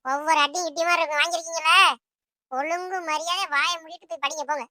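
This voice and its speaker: A woman voicing a scolding, tired mother of two children in a cartoon, shouting threats in a harsh, bossy way. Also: extremely high pitch, steady tone, fast talker. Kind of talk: cartoon voice acting.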